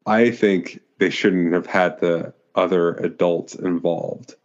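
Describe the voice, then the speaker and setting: A man's voice: sits low, fairly even intonation, takes it slowly, dull audio. A man co-hosting a casual movie discussion, rambling with many fillers and restarts. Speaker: podcast co-host.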